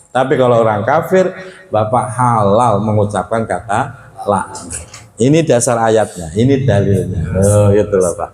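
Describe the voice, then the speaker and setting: A man teaching a Quran study lecture in a casual, conversational way, often addressing his listeners as sir, and reading Arabic phrases slowly before explaining them. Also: mid-range voice, a little mellow, echoey room, a little hiss or hum. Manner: conversational, addresses audience as Pak.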